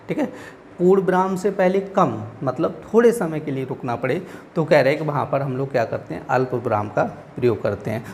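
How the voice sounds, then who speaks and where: A man's voice: a little high, creaky, a little mellow, a little hiss or hum. A man teaching an exam-prep grammar lesson, explaining patiently, repeating each point and checking in with his students.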